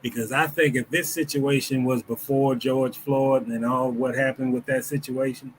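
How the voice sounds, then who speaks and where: A man from the United States, a former sports reporter, talking as a podcast guest in a halting, reflective way. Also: medium pitch, steady tone, a little hiss or hum, low-quality recording. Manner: halting, reflective, many restarts and fillers. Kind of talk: casual podcast conversation.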